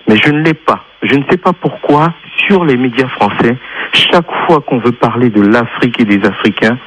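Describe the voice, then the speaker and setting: A man's voice: mid-range voice, fairly bright tone, a little hiss or hum, rough recording. A man from France calling in to a radio show, speaking with insistent passion and repeating points for emphasis. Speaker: radio caller. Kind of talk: radio call-in talk.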